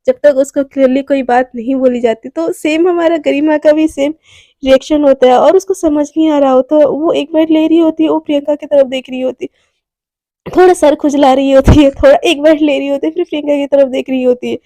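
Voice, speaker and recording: A woman's voice: high-pitched, steady tone, fairly quick, warm tone, no echo. A woman telling a story in a chatty, conversational way, recorded on a close mic. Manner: chatty, conversational, uses fillers like "ना". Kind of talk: casual spoken storytelling.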